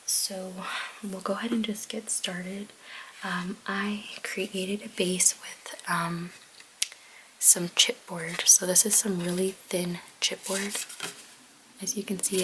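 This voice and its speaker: A woman whispers her way through a card-making tutorial, taking her time and pausing often to think aloud. Her voice sits at a middle pitch, and a steady hiss runs under the recording. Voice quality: whispering softly. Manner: slow, hesitant with many ums, thinking aloud. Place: home crafting desk, baby asleep nearby.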